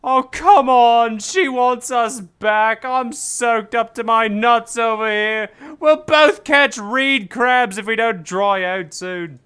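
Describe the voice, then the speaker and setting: A man voicing a drenched and cold, exasperated expedition member in a video game, complaining loudly. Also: extremely high pitch, takes it slowly, hardly any pauses, clean tone, pitched above the performer's own voice, heavily acted. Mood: exasperated, pleading. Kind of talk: game dialogue read aloud.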